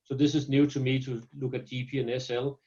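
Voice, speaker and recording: A company founder from Denmark with a Danish accent talks fast in a medium-pitched, flat voice during a business interview over video call. Though earnest, he often repeats words as he restarts, and the audio is dull with a darkish tone.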